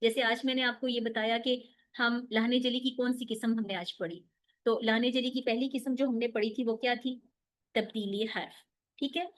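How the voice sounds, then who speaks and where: A woman gives a lesson on reciting scripture, her voice sitting a little high. She explains each mistake in turn, asks rhetorical questions and answers them herself, in a calm teaching tone. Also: moderate pace. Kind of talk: online tajweed lesson.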